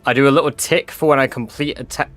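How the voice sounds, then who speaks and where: A man's voice: mid-range voice, steady tone, quick pace, a bit bright, faint music behind. A man livestreaming a game in casual, sweary chat, saying w for r. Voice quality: cannot pronounce R's, says w for r. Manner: informal, sweary.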